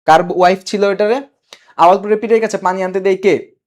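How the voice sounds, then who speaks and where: A man's voice: sits high, steady tone, fairly quick, darkish tone. A young man teaching a live online coaching class, quizzing viewers, repeating key answers and reading their comments aloud. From Bangladesh.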